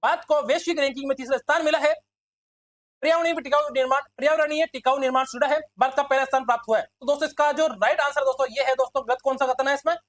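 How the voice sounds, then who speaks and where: A male teacher running a quick exam quiz lesson, repeating himself and constantly calling his listeners friends. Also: very high voice, steady tone, a bit bright, no echo. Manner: fast, repetitive, keeps addressing listeners as friends.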